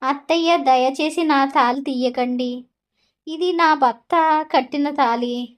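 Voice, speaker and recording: A woman's voice: sits high, slow pace. Crying young bride, read by a woman. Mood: pleading. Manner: pleading. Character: young bride, tearful and desperate.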